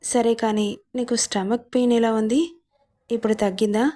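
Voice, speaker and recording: A woman's voice: a little high, little pitch movement, normal speed, mellow, close to an everyday voice. A woman voicing a remorseful young man. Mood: pleading.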